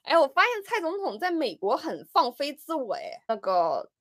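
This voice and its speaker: Animated woman commentator with lively pitch. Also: normal speed, no room sound, clean studio sound. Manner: animated, many rhetorical questions and fillers. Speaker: political commentator. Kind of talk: casual political commentary vlog.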